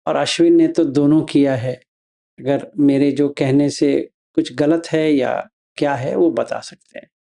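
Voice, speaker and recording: A man teaching meditation, explaining the practice slowly, step by step. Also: on the high side, steady tone, vocal fry, dark tone. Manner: slow, step-by-step instruction.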